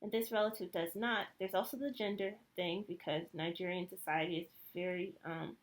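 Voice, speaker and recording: Low-ish voiced woman in her 30s, talking to camera, slow reflective and hesitant, lots of um and restarts. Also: steady tone. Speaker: vlogger. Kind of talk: personal reflective monologue.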